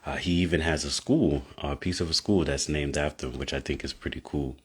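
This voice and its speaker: Man hosting an interview, very deep voice, husky, upbeat manner. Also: steady tone, fairly quick. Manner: friendly, upbeat, peppered with uh and um. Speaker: interview host. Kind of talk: casual interview.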